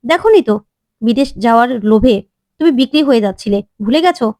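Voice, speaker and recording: A woman's voice: fairly high pitch, expressive, fast, mellow, no echo, studio quality, natural voice. A woman voicing an angry, anguished young husband in a retold drama story, talking in a plain pleading or rejecting way. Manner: pleading, then sharply rejecting.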